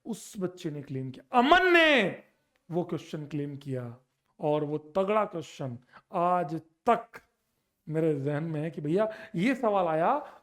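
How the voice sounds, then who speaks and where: A young man with a high-pitched voice teaches chemistry in an online lecture. He talks in a lively, teasing way and drops English terms in as he goes. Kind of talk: online exam-prep lecture.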